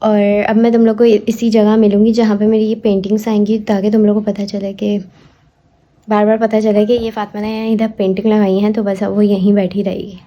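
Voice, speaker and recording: Young female vlogger, casual chatty home video, deep mellow tone. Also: flat delivery, a little fast, dull audio. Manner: chatty, addresses viewers directly, mixes English words. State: tired and out of breath. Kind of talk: casual vlog chat.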